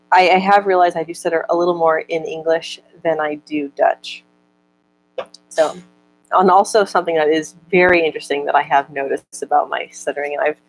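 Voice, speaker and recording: Her voice is on the low side and the recording is poor. In casual conversation, the young woman responds to viewer comments, reading them out at a slower pace and often stuttering through repeated words and broken-off syllables.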